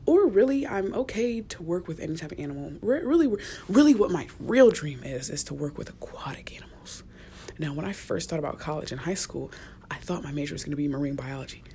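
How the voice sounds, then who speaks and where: A young woman hosting her own podcast, chatting in a soft, rambling way with many fillers and restarts, sometimes dropping to a whisper. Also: low-pitched, expressive, fairly quick, slight background noise. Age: young adult. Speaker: podcast host. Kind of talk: casual solo podcast rambling. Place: small enclosed room at work.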